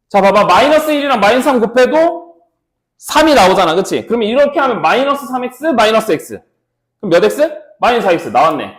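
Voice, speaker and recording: A man with a high voice teaches a math class lecture, walking students through factoring step by step and checking in with them often. The room is echoey.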